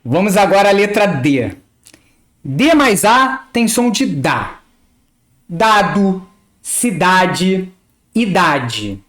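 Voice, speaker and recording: Woman teacher, Rio accent, very slow and deliberate, lively pitch, spelling out letters and words one by one. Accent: Rio de Janeiro Portuguese. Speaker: language teacher. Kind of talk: slow, careful pronunciation lesson.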